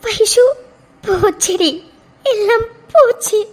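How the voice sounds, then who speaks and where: A heartbroken young cartoon woman, voiced by a woman with a very high voice. She sounds tearful and strained throughout. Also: steady tone, fairly quick, a little mellow, soft background music, close to an everyday voice. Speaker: cartoon character. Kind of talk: Tamil cartoon voice acting.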